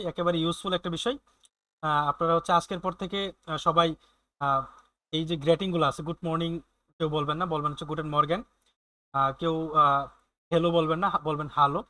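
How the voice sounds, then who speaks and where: A man teaching German in an online class, explaining slowly with many fillers and often checking in with his students. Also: on the high side, fairly even intonation, pushed and bright.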